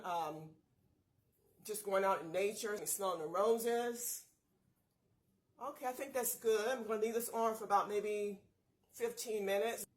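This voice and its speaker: A woman's voice: medium pitch, poor audio. A woman hosting a casual skincare tutorial vlog. She is chatty and upbeat, often talking straight to her viewers as "you guys". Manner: upbeat, encouraging pep talk. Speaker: beauty vlogger host.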